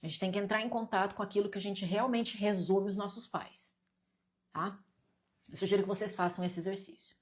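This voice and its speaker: A woman with a Brazilian accent leads a live stream exercise and reads viewers' comments aloud. She talks to them directly and with a teasing edge, repeating points and pushing them to answer. Her voice sits at a middle pitch. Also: fairly even intonation, brisk.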